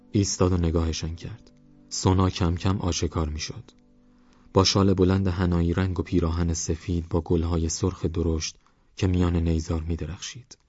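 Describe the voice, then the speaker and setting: A man reading a novel aloud as an audiobook narrator, calm and steady. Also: deep voice, dry recording. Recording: dull lo-fi audiobook with faint music. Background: faint background music.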